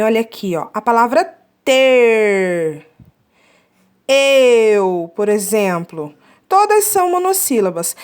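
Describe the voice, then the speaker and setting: Woman teaching young children, lively, sing-song delivery, drawing out syllables and checking in with the class. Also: a little high. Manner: slow, drawn-out syllable counting; checks with "tá?" often. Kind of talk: children's lesson.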